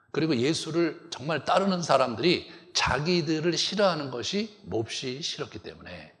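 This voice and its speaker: A man's voice: medium pitch, a bit bright, in a large hall. A male pastor delivering a sermon, asking the congregation rhetorical questions and acting out the quoted lines. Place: church sanctuary.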